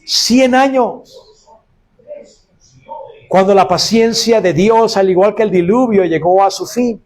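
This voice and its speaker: Calling his congregation brothers, a pastor delivers a sermon in which he dramatizes quoted cries of woe. He speaks slowly, in a high voice with a darkish tone.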